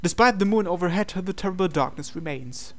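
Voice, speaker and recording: A man with a somewhat high voice hosts a visual novel playthrough, dramatically reading the story text and adding his own commentary. His intonation is lively and his pace a little fast, with soft music in the background.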